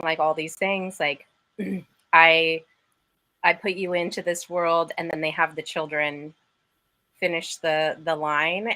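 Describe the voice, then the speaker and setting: Bright, chatty woman podcast host. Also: on the low side, poor audio. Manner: enthusiastic and chatty. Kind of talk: casual live-stream interview.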